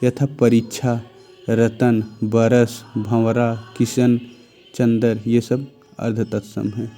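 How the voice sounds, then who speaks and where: Faint music plays behind a man giving a spoken Hindi grammar lesson. He speaks slowly and flatly in a medium-pitched, dark-toned voice, reading each sentence and calling it right or wrong, and at times he answers quiz-style questions he has asked himself.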